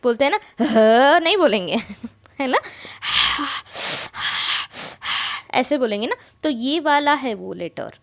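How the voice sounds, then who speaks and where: Woman Quran teacher, high clear voice, slow and patient, stretches out letter sounds. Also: animated. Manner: slow, drawn-out letter recitation; explains step by step, often checks in. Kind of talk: patient spoken lesson.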